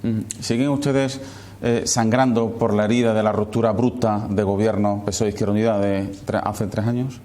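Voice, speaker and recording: A man's voice: on the low side, steady tone, normal speed, warm tone. A man putting formal, probing questions as a political interviewer.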